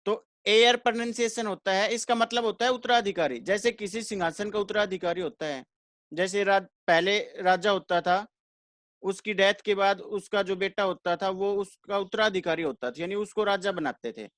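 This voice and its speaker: A man's voice: high-pitched, normal speed, a bit bright, dry recording, studio quality. A man teaching English grammar to an online class, explaining step by step and answering his own questions. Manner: repeats questions to students and answers them himself.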